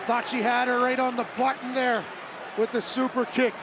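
High-voiced male wrestling commentator amid crowd roar. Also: level tone, normal speed. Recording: loud crowd and arena noise behind. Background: loud arena crowd.

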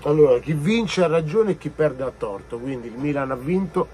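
A man's voice: on the high side, expressive, normal speed, darkish tone, slight background noise. A man gives a wry post-match football opinion. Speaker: football commentator.

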